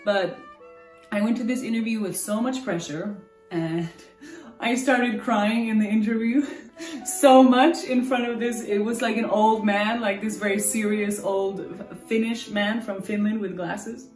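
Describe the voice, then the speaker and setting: With guitar music behind her and a roomy, distant mic, a young American woman in her twenties shares her story candidly in an interview, rambling and restarting often. Her medium-pitched voice has a darkish tone and fairly even intonation. She takes her time, speaking unhurriedly.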